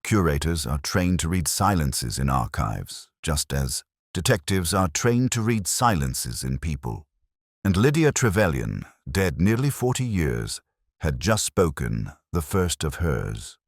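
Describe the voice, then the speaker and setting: A man with a very deep, sing-song voice reads a scripted first-person detective story in a measured, reflective, literary style. The studio recording is clean, with no room sound.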